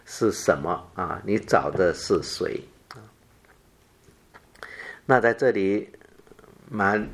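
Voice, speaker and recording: Low-voiced man teaching a Bible passage. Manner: halting, repeats phrases, many fillers. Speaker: preacher.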